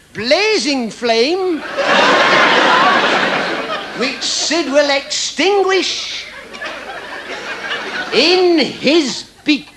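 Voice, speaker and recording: A man performing a comic mock lecture on stage as a ventriloquist, with formal, deliberate, mock-scholarly phrasing. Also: very high voice. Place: on stage at a live show. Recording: very noisy live stage recording.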